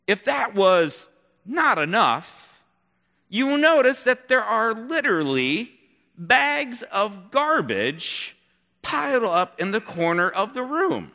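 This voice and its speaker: A man telling a second-person story in an animated, expressive way, with dramatic pauses. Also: high-pitched, creaky. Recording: long hall reverb.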